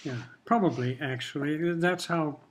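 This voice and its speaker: An older Kenyan man whose first language was Swahili answers interview questions in a casual talk, measured and reflective. His voice is fairly high, and there is a little hiss or hum.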